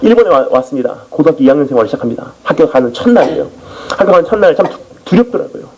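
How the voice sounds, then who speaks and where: A man preaching a sermon in church as a missionary, telling his testimony in an animated storytelling way. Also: fairly high pitch, racing, slightly rough, rough recording.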